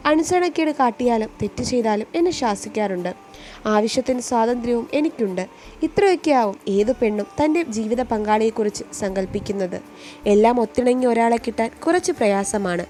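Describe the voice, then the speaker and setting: A woman narrating a first-person story in an earnest, reflective way. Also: fairly high pitch. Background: soft music.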